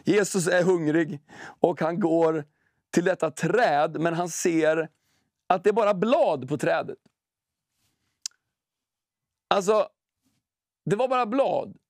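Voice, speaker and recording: A man preaching a sermon, praying and telling a personal story in a relaxed, conversational way, slowing down to read scripture. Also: fairly high pitch, dry recording, studio quality. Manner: conversational, storytelling, slow and emphatic when reading scripture.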